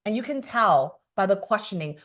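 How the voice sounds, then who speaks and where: An animated woman hosting a podcast, chatting casually with a guest. She talks with emphasis and slips into lively impressions of the people she describes. Her voice sits in a middle pitch. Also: normal speed. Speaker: podcast host. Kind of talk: casual chat.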